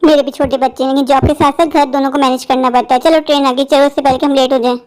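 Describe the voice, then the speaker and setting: A woman's voice: high voice, little pitch movement, racing, a little mellow, natural voice. A woman voicing a strict, impatient office woman in a cartoon, scolding and lecturing. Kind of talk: cartoon voice acting.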